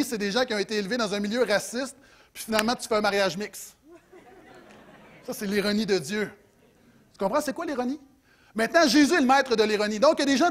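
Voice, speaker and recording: Man, Quebec French accent, pastor preaching, high voice, lively delivery, loud then hushed. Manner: animated storyteller, swings between loud emphasis and soft asides. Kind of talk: sermon.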